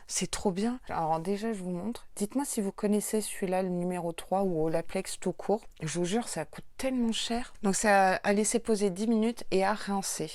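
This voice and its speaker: A woman's voice: mid-range voice, moderate pace, hardly any pauses, a little mellow, no echo. A woman with a French accent, chatting casually through a beauty unboxing and gushing over each item. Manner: bubbly, gushing, with many fillers. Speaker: beauty youtuber.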